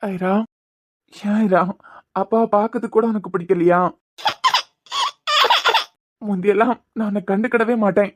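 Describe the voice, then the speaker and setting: A woman voicing a grieving young father, a doctor, who pleads softly and sorrowfully with his frightened daughter in Kanyakumari Tamil. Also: mid-range voice, fairly even intonation, normal speed, long pauses, very noisy, natural voice. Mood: pleading. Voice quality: pleading, sorrowful, repeating the child's name. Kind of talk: cartoon voice acting.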